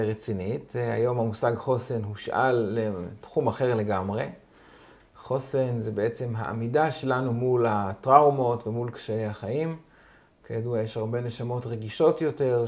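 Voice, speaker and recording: Man, rabbi, education expert, calm measured explaining, mid pitch. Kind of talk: explanatory interview answers.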